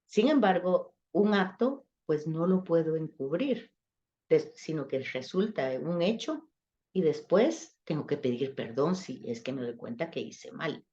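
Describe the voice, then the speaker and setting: A woman's voice: sits low, big pitch swings, measured pace, dark tone, highs cut off. Patient woman teaching a church class. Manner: explains patiently with everyday examples, addressing listeners. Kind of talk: teaching a church study session.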